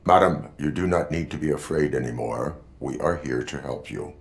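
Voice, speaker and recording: A male actor voices a stern cyborg police field training officer in a video game, speaking formally, deadpan and measured, always by the book. His voice is extremely low with vocal fry, and the mood is stern and instructive.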